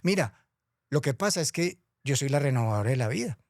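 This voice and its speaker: Death in a told fable, serene and unhurried, gentle and wise, voiced plainly by a man, dry close sound. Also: mid-range voice, expressive, dry recording, natural voice. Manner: slow, soft and measured. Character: calm wise female Death, gentle sower of souls.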